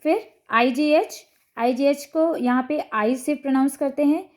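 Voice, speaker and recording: ऊँची, मधुर आवाज़ वाली महिला शिक्षिका. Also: female voice, high voice, measured pace, darkish tone. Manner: patient, step-by-step explaining with frequent "ठीक है" checks. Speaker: teacher explaining phonics to parents. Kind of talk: explanatory lesson to camera.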